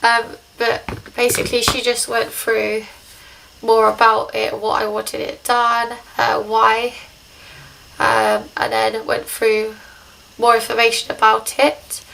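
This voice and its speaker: A woman's voice: fairly high pitch, monotone, slow pace, vocal fry, a bit bright, slight background noise, low-quality recording. A young woman talking hesitantly in a casual video diary, short of breath and congested just after nose surgery. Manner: hesitant, rambling.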